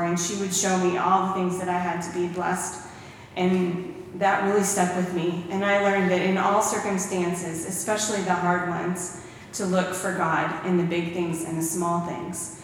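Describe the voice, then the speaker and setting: A woman's voice: fairly low pitch, level tone, measured pace, a little hiss or hum. Woman speaking in an echoey hall. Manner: warm storytelling with scripture quotes. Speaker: lay speaker giving a church talk. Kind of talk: church testimony talk. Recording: echoey hall recorded from far off.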